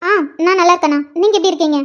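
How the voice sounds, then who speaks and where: A woman's voice: very high voice, rapid-fire. A woman voicing a chatty, teasing young woman in a cartoon. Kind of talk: cartoon voice acting. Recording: dull lo-fi sound.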